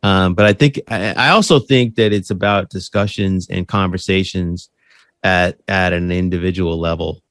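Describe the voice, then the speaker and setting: This podcast host, appearing as an interview guest, has a low, steady, slightly bright voice and speaks at a normal speed on a dry, studio-quality recording. He chats earnestly about running his podcast, habitually checking in with "right?" and often restarting and repeating his words.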